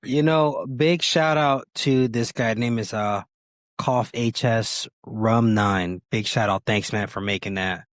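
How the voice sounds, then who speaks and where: A man's voice: fairly low pitch, takes it slowly, no echo, clean studio sound. A man co-hosting a podcast, giving blunt, emphatic and opinionated commentary in casual chat. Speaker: podcast co-host.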